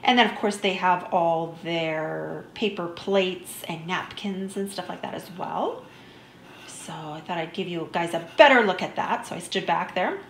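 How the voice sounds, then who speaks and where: A woman's voice: lowish voice, unhurried, creaky, echoey room, a little hiss or hum. A woman narrating a shopping vlog in a chatty, easygoing way, enthusiastic about small finds. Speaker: vlogger. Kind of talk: shop-with-me voice-over narration.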